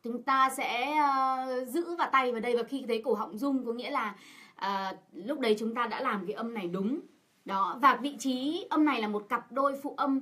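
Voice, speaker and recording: A woman with a bright, slightly high voice interprets for the class. She keeps asking her listeners questions and fills her pauses with short sounds. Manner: asks rhetorical questions of the class, with many fillers. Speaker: co-teacher and interpreter. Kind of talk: explaining a lesson in Vietnamese.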